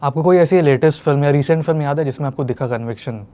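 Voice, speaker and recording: A man hosting an interview, asking questions in a relaxed, casual way and mixing in English words. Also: fairly high pitch, very fast. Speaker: interview host.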